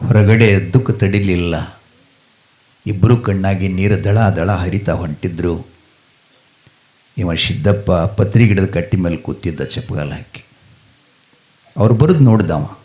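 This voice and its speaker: A man's voice: low voice, unhurried, pauses often, darkish tone. A man telling a story in a sermon, dramatic and acting out voices. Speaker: preacher.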